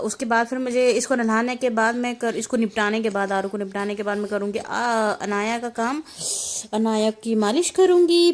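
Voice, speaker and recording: A young woman, a mother, chatting casually to viewers in a home vlog, talkative and often laughing. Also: medium pitch. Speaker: mother vlogging her family channel.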